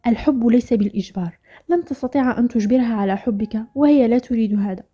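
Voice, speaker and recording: A woman's voice: sits high, lively intonation, rapid-fire, dark tone. A woman voicing a frank young woman scolding her brother in a storybook narration, reproachful and sarcastic. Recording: dull lo-fi audio with faint music.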